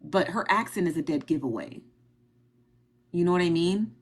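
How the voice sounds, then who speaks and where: Hosting a casual livestream, this Midwestern American woman talks straight to her viewers with emphasis and keeps repeating her points. Her voice sits fairly low, with lively intonation, a moderate pace and a breathy edge.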